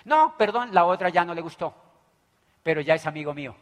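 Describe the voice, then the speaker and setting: A man with a Colombian accent giving an animated motivational talk, telling stories and acting out the dialogue. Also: sits high, a little fast. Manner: animated, tells stories acting out dialogue, keeps asking "do you understand me". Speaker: business motivational speaker. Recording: echoey hall reverb.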